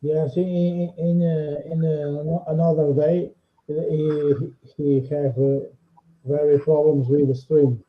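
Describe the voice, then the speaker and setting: Halting man, slow and high-pitched. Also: level tone. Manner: halting, searching for words in non-native English. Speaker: guest on a livestream. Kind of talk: casual chat. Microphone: video call. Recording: dull lo-fi call audio.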